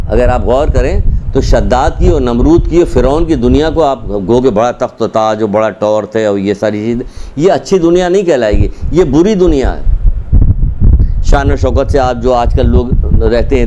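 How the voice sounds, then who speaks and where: A man from Pakistan giving a sermon as a religious speaker, urging his listeners and asking rhetorical questions. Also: medium pitch. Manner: exhortative, asks rhetorical questions. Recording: dull lo-fi recording with clear noise.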